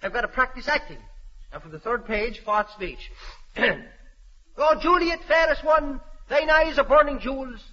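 A man's voice: very high voice, lively intonation, moderate pace, pushed and bright, exaggerated voice. An actor playing a naive, eager young man who wants to act, earnest and overdramatic when he recites. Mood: hammy. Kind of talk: 1940s radio comedy acting. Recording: muffled old radio recording.

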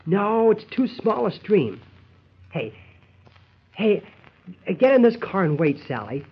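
Husky, exasperated scheming husband, old radio. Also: male voice, sits high, sing-song, slow pace, full character voice. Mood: tense, snappish. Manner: impatient, bossy, hushing and cajoling. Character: exasperated, scheming husband Cecil, grumbling and bossy. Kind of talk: old-time radio comedy acting. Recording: dull, lo-fi old radio recording.

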